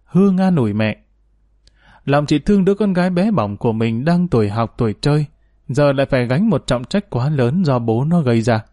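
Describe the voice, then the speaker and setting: A man narrating a story in a calm, measured and sorrowful way. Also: mid-range voice, no echo, studio quality. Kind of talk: scripted narration.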